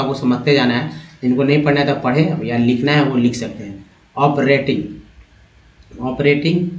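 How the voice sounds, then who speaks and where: A man teaching English word parts to viewers step by step, addressing them as friends. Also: mid-range voice. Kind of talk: spoken phonics lesson. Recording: echoey room, dull lo-fi sound.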